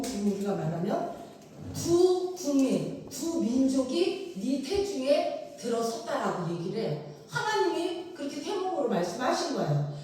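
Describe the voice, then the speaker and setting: A woman pastor preaching a sermon, telling the story vividly and acting out quoted lines. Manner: animated storytelling, acting out quoted lines with big pitch swings. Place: church sanctuary. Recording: echoey hall picked up from far off.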